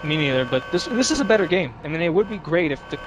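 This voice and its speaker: A man casually chatting while playing a video game, relaxed, with lots of fillers and swearing. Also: fairly high pitch, fast talker, background noise. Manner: laid-back, swears a lot, many fillers. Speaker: let's play commentator. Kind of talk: casual gaming chat.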